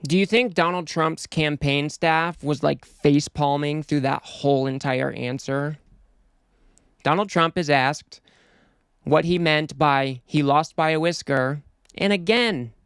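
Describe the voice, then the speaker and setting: A man's voice: fairly high pitch, slow, fairly bright tone, smooth, dry recording, clean studio sound. A man hosting a political commentary show, talking in an exasperated, scornful way.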